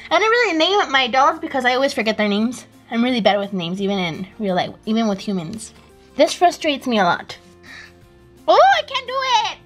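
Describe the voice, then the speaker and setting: A woman chatting casually in a vlog, excitable and fretful, gasping as she handles her dolls. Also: a little high, a little fast, faint music behind. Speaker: doll vlogger.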